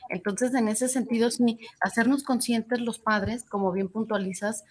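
A woman's voice: on the high side, fairly even intonation, measured pace, breathy edge. A woman hosting a radio talk show, asking her guest questions in a conversational way. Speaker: radio host.

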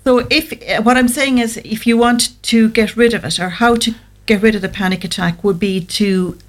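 A woman's voice: fairly high pitch, steady tone, normal speed. A woman speaking as a guest therapist, giving explanatory advice in an interview. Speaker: guest anxiety therapist on a show.

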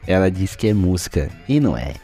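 A man's voice: sits low, very animated, brisk, mellow, slightly rough, faint music behind. Slangy young man, casual podcast chat. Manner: slangy, laughs often, rambling. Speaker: podcast co-host.

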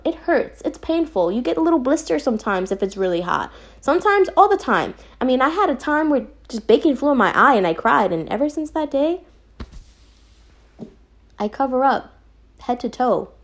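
A young woman reviewing an anime in casual chat, rambling with lots of fillers and giggles. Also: on the high side. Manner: giggly, rambling, animated, frequent fillers and laughs.

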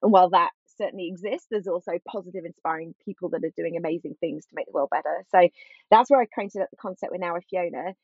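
Woman, lowish voice, enthusiastic and giggly in casual conversation; dry sound. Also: fast, breathy edge, no room sound, phone-quality sound. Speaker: podcast guest and show host.

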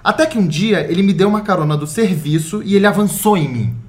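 A man's voice: sits high, animated, quick pace. A man, a podcast guest, reading a listener's email aloud in casual chat and ranting in a theatrical, mock-outraged way.

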